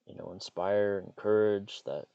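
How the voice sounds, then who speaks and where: A young adult man hosting a solo podcast from a parked car, rambling and hesitant with many fillers, speaking in a monotone. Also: fairly low pitch, a little slow, creaky, smooth, dry recording, lo-fi sound. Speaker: podcast host. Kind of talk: casual solo podcast monologue. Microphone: computer mic.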